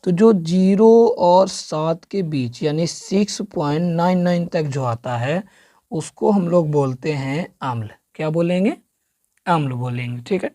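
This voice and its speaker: A coaching teacher gives an exam-prep science lesson in classroom-lecture style, quizzing the listener with repeated questions and drilling the answers. His voice is on the high side, mellow, and measured in pace. The sound is clean studio audio with no echo.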